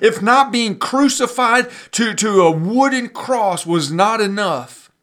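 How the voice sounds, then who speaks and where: With a high, fairly bright voice, a pastor preaches his sermon, pausing dramatically to build weight and sometimes repeating words as he pushes his argument.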